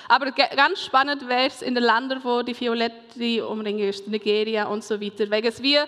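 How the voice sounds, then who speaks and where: A woman's voice: on the high side, level tone, moderate pace, a bit bright. A young woman gives a talk to a group as a youth worker, hesitant, with many fillers and restarts. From Switzerland, raised in Mongolia. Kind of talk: presentation to a group. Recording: long reverb in a hall.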